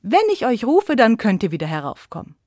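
A woman's voice: fairly high pitch, big pitch swings, brisk, darkish tone, no echo, studio quality. A woman playing a sly jealous moon. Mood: tender. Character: scheming jealous male moon, smug and sly.

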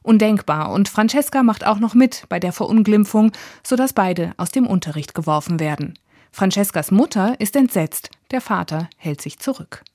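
A woman's voice: medium pitch, animated, normal speed, warm tone, dry recording. Woman reading a scripted review, very dry. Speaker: radio book reviewer.

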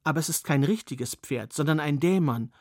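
A man's voice: fairly high pitch, animated, normal speed, no room sound, clean studio sound. A man voicing an old woman who solemnly foretells a curse, in a storybook reading. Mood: ominous.

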